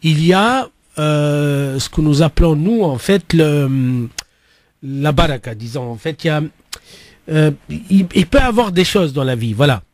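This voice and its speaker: A man with a fairly high voice hosts a religious radio show. He explains things conversationally, often repeating himself and dropping in Arabic phrases. The sound is close and dry. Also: animated, measured pace, a little mellow, no echo. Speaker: radio host and Islamic teacher.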